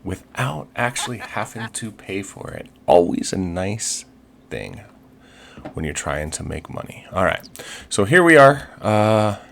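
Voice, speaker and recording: A gaming host provides upbeat, casual commentary on a life-simulation game in a lowish, sing-song, creaky voice with a fairly bright tone and a measured pace. He restarts often, uses plenty of fillers, and slips into playful pirate talk.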